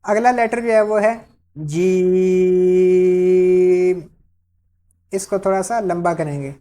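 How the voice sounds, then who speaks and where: A woman with a medium-pitched, slightly mellow voice teaches Quran letter pronunciation step by step. She patiently stretches out each letter so learners can repeat it, checking in with "ٹھیک ہے؟".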